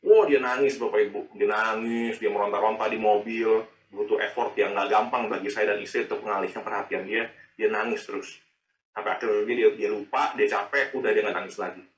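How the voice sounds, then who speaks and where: A man, preaching a sermon in a lively, chatty way full of rhetorical questions. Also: on the low side, fairly quick. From Indonesia. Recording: echoey and distant.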